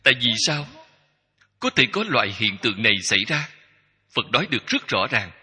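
A man giving a Buddhist dharma talk as a teacher, speaking in slow, measured short phrases that repeat. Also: medium pitch, very animated, bright, forceful tone, husky. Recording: long hall reverb.

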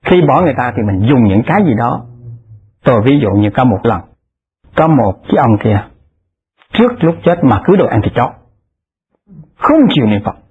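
A man tells stories in a Buddhist dharma talk. His voice is very husky and swoops up and down with animation. It comes through a tinny, phone-like, lo-fi recording. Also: medium pitch, sing-song, normal speed, long pauses. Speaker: Buddhist lay dharma speaker.

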